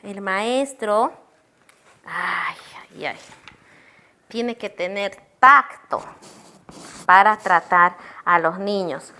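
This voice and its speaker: Her medium-pitched voice is pushed and bright, extremely slow, with frequent pauses. A middle-aged woman from Peru, she earnestly leads a church class on children's ministry, addressing listeners as brothers and asking questions she then answers herself.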